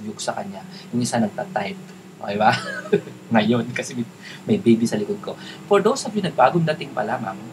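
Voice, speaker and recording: A man's voice: medium pitch, noisy background. A man with a Filipino accent teaching a home-based webinar in casual style, chatty and joking as he mixes Tagalog and English. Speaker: webinar host and virtual assistant trainer. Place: home office with a baby nearby.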